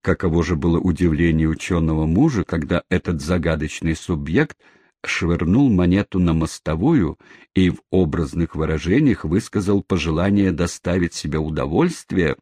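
A man narrating a novel as an audiobook, telling the story in an expressive, lively way. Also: deep voice, normal speed, slightly rough, no room sound, clean studio sound.

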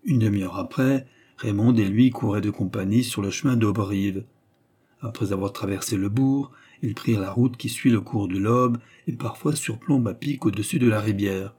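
A man narrating a classic novel as an audiobook in a measured, even manner. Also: fairly low pitch, slightly rough. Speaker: audiobook reader.

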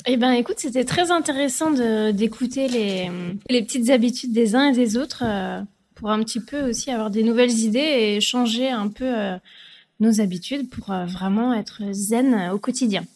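A woman's voice: on the high side, moderate pace, darkish tone. A woman co-hosting a casual podcast, hesitant and full of fillers. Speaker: podcast co-host.

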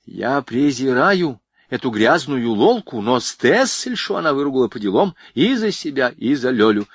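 Guy doing a spirited young woman, outspoken, lively pitch, dry sound. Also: normal speed, slightly rough, dry recording. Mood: indignant. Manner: outspoken, indignant.

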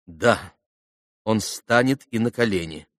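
A man voicing a gentle, quiet, earnest young man in an audiobook, speaking softly and calmly. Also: on the low side, slow, no room sound, studio quality. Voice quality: soft, calm.

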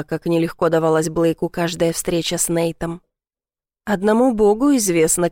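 Woman reading an audiobook in first person, middle pitch, dry close sound, steady pace. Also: no echo. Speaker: audiobook narrator.

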